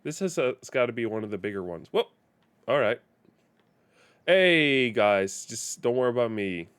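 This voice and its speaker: A man's voice: mid-range voice, expressive, moderate pace, a bit bright, smooth. A man live-streaming a video game, chatting casually in a rambling, self-correcting way.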